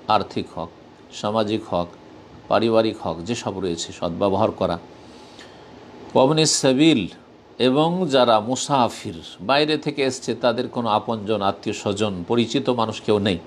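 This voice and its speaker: A man preaching a sermon, reciting verses and explaining them slowly and with emphasis. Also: lowish voice, slight background noise.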